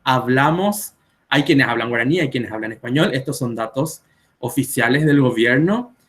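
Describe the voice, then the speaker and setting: A man's voice: medium pitch, normal speed. A man in his twenties with a Paraguayan Spanish accent, a Spanish teacher patiently explaining pronunciation with spoken examples on a live video stream. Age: 20s.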